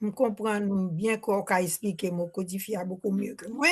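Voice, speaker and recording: A woman's voice: medium pitch, fairly even intonation, normal speed, darkish tone, slightly rough. An older woman from Haiti with a Haitian accent, speaking into a handheld microphone at a public Q&A, hesitant, restarting often and mixing Creole words into her French. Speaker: audience member asking a question. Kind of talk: spontaneous remarks at a public Q&A.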